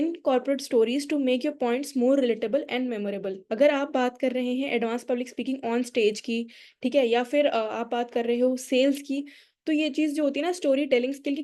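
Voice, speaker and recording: Her voice is high and mellow, with a neutral Indian accent. During a workshop lecture on public speaking, this Indian woman explains things in Hindi mixed with English words and asks her listeners questions.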